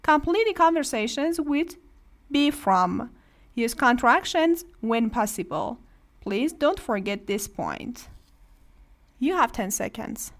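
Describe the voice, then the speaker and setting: A woman from Iran with a Persian accent teaches English to adult beginners in a classroom. Her voice sits on the high side and is expressive, and she takes her time, patiently explaining grammar and asking students to repeat after her.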